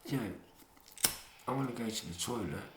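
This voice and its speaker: A man's voice: mid-range voice, animated, moderate pace. British man rambling into a roomy dictaphone. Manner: matey, opinionated, unscripted. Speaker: solo recorder of a spoken commentary. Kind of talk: rambling informal monologue. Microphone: handheld dictaphone. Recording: roomy dictaphone recording with faint noise.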